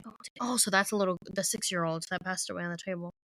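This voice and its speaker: Bright, lively woman cutting in. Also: fairly low pitch, very fast, dry recording. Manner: animated, jumps in with reactions and own stories. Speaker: podcast co-host. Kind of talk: casual chat.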